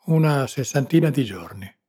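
Troubled, bitter sea captain with a husky edge, read by a man, audiobook figure. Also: mid-range voice, animated, moderate pace, warm tone. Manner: strained and bitter. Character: troubled, nervous Spanish ship captain.

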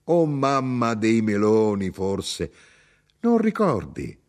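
A man reading aloud, voicing a feisty older mother who talks bluntly and with pride in a lively, animated way. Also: on the low side, slow pace, exaggerated voice. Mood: recalling. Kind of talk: audiobook reading.

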